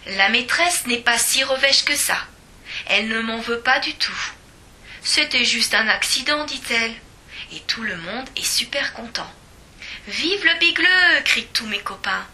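A woman reads a children's storybook aloud with lively expression. Her voice is bright and fairly high, and she takes the words slowly and deliberately.

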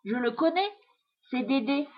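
A woman's voice: sits high, lively intonation, a little slow. A woman voicing a small, timid, emotional male earthworm in a storybook reading, on a dull lo-fi recording.

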